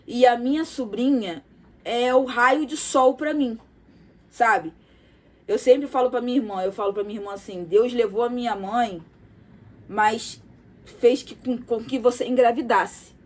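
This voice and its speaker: A woman speaking directly to her viewers in a personal confessional vlog, soft and halting, with many fillers, repeated words and "tá?" tags. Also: on the high side. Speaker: vlogger.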